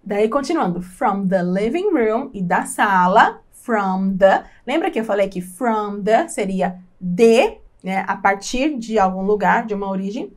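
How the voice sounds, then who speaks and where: A woman's voice: medium pitch, animated, unhurried. A woman with a Brazilian Portuguese accent teaching an English lesson. She repeats each phrase, translates it, and laughs lightly now and then. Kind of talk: language lesson explanation.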